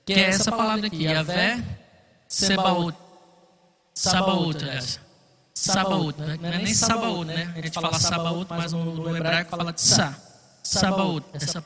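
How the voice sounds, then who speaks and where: A man's voice: a little high, a bit bright, big-room sound. A man teaching a Bible study class, explaining patiently and checking in often with his listeners. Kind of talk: classroom lecture.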